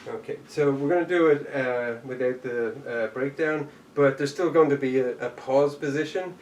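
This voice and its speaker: At a normal pace and with a darkish, mid-range voice, a jujitsu instructor walks an online class through each technique, calling the steps as he goes. Echo, a distant microphone, and faint background noise color the recording.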